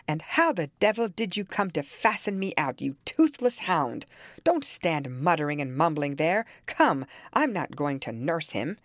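A woman voicing a cruel, domineering man who snarls his orders loudly, in a storybook reading. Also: deep voice, sing-song, a little slow, no echo, clean studio sound. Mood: raging. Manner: loud and snarling.

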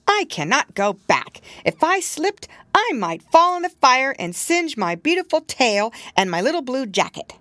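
A woman voicing a frightened young boy kitten, speaking in a high, anxious, pleading way. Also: very animated, a little slow, hardly any pauses, bright, forceful tone, dry recording, full character voice.

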